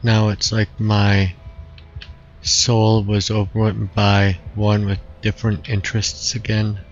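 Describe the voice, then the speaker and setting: A man with a lowish voice talks casually over his gameplay in a relaxed, musing way, often circling back and restarting his thoughts. The sound is dull and lo-fi, as if from a modest home mic. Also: slow, pauses often, a little hiss or hum. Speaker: streamer.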